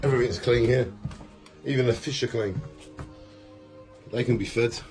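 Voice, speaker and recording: A man in his forties filming a casual home vlog on a phone at arm's length, rambling upbeat and dropping into soft murmurs. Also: medium pitch, normal speed, loud music behind the voice. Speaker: vlogger. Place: small home, indoors. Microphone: phone held at arm's length.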